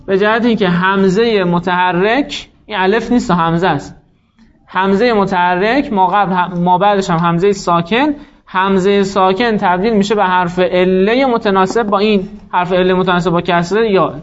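A man with a rather high voice lectures on grammar, laying out each rule in small steps. He often poses a question and answers it himself. The recording sounds a little dull and lo-fi. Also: fairly even intonation. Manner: explains step by step, asks and answers his own questions. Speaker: teacher.

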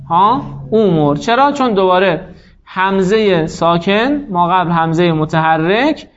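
Male teacher, fairly high voice, patient step-by-step grammar lecture, slightly muffled recording. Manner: explains step by step, asks and answers his own questions.

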